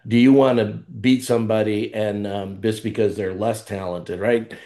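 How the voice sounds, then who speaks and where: A middle-aged man in a casual podcast conversation, an animated storyteller who acts out the voices he quotes. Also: fairly low pitch, normal speed. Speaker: college athletic conference leader.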